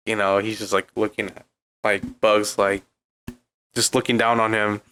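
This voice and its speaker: Retelling a video in a rambling, filler-heavy way packed with "like", a young Californian-accented podcast co-host chats casually. His voice is lowish, a bit bright and fairly flat in pitch, at a moderate pace, with a little hiss or hum.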